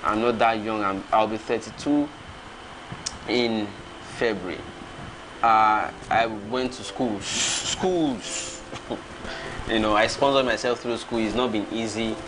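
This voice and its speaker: A man's voice: fairly low pitch, steady tone, slow, noisy background. A Nigerian man in his thirties, hosting a casual livestream and reading out viewer comments, chuckling and reacting as he goes. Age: 30s.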